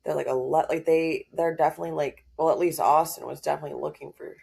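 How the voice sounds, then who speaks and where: A woman's voice: deep voice, steady tone, fast, gravelly, mellow, husky. A young woman hosting a podcast, chatting casually and opinionated, with lots of "like". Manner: chatty, opinionated, heavy use of "like". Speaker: podcast host. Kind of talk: casual gossip chat.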